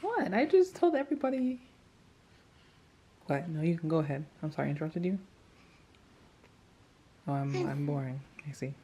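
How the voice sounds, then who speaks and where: A woman's voice: low-pitched, expressive, moderate pace, long pauses, mellow, slight background noise. A young woman, a new mother, chatting casually to the camera and cooing to her baby in a family vlog. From Nigerian American. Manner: chatty, coos in sing-song baby talk.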